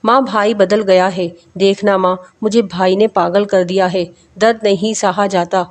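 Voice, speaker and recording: A woman's voice: medium pitch, steady tone, lightly acted. A woman narrator voicing a young woman locked in a room, who pleads in a childlike way. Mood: pleading.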